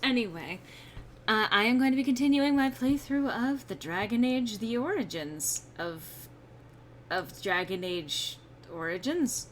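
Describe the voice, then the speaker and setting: A woman's voice: on the high side, expressive, unhurried, slight background noise. A woman hosting a casual gameplay stream, rambling and self-mocking, sounding a little under the weather and subdued. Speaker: streamer host.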